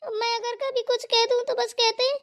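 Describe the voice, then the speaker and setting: A woman's voice: very high-pitched, little pitch movement, moderate pace, a bit bright. A woman voicing a soothing chatty cartoon wife. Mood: complaining. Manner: consoling, rambling complaints. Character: gentle young wife, bhabhi, soothing and chatty. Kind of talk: cartoon voice acting.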